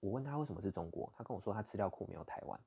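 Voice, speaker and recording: Host, Taiwanese man with a Taiwanese Mandarin accent, deep husky voice, candid storytelling with a blunt, indignant edge. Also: lively intonation, racing, warm tone, lo-fi sound. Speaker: podcast host. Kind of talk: casual storytelling monologue.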